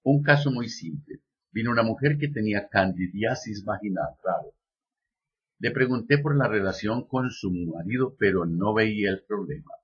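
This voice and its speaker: A man giving a lecture, reading a text aloud at an even pace and adding slow joking asides. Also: on the low side, slightly rough, muffled recording. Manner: reads steadily, then drops in slow joking asides. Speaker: lecturer on biodecoding.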